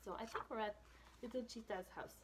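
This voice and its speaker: Her voice a little high and fairly quick, a woman in her thirties reads a picture book to children with lots of expression. She tosses in casual whispered asides and asks her listeners questions, in a small brick-walled indoor room with background noise.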